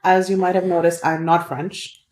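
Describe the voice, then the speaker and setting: A woman's voice: on the low side, flat delivery, normal speed, reverberant. A woman who grew up in India, a workshop facilitator, chatting casually and joking about herself with frequent laughter. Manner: warm, self-mocking, laughs often. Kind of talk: casual chat.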